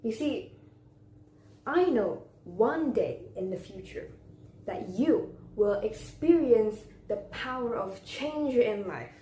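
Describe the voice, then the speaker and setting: A young woman delivers a memorized contest speech in a deliberate, theatrical way, with pauses and rhetorical questions. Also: fairly high pitch, animated, warm tone. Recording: echoey room with faint background noise.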